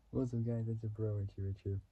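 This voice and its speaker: A young man talking casually to his channel, rambling through fillers, giggles and throat clearing as he explains a movie. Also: lowish voice, dark tone. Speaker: YouTuber. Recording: dull lo-fi sound.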